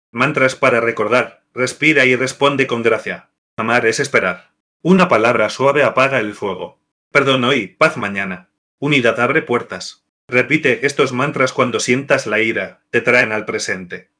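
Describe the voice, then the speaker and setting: Scripted devotional guidance on marriage is narrated by a man at medium pitch. He reads it like a list, in an even, measured manner.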